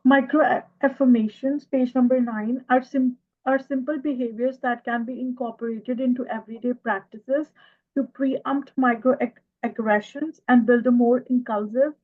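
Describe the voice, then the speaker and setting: Woman student reading over a thin line. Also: on the high side. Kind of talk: reading aloud from a textbook. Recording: thin phone-like call audio.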